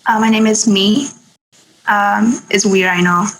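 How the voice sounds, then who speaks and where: A woman's voice: medium pitch, steady tone, unhurried, low-quality recording. Young woman from Vietnam, light tone. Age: young adult. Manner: light, self-deprecating. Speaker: university student, panelist. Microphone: video call.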